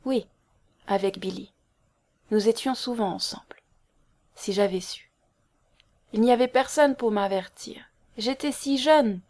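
A woman's voice: medium pitch, unhurried, pauses often, darkish tone. Woman voicing a tearful naive young woman. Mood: hesitant. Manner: hesitant, sobbing, pleading.

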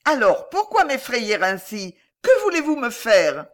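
A woman voicing a deaf, frightened old lady with a trembling, high-pitched voice. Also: very animated, unhurried. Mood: alarmed, shrill.

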